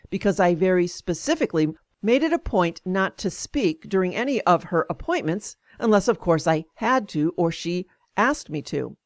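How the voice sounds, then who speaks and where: A woman's voice: lowish voice, no room sound. A woman hosting a show, telling a personal story in an indignant, conversational way.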